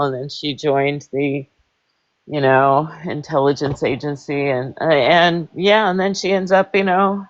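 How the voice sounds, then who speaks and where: A panel caller rambles through casual political chat with a sarcastic edge. The voice comes over a dull, lo-fi online call at a mid-range pitch. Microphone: online audio call.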